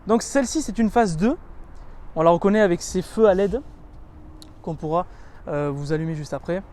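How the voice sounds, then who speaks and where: A man presenting a car in a casual walkaround, chatty and descriptive, running through features with lots of "so" and "uh" and stressing what excites him. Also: high voice, normal speed. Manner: chatty and descriptive, listing features with many connecting "donc"s and "euh"s. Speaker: car reviewer.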